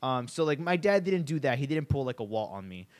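A man in casual podcast chat, telling stories with lots of swearing and sudden high-pitched outbursts. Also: fairly quick. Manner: animated storyteller, swears freely, jumps to high-pitched outbursts.

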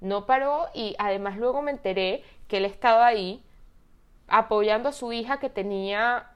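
Young Venezuelan-accented woman, twenties, lively exasperated storyteller, high-pitched. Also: moderate pace, clear, resonant tone, lo-fi sound. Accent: Venezuelan Spanish. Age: 20s. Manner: animated, exasperated, swears freely. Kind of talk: casual chat, storytelling.

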